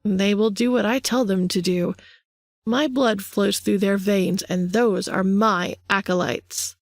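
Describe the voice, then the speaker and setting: A woman's voice: medium pitch, steady tone, unhurried, no echo, clean studio sound, lightly acted. A woman voicing a power-hungry vampire man who taunts his younger brother in a sing-song way. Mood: menacing.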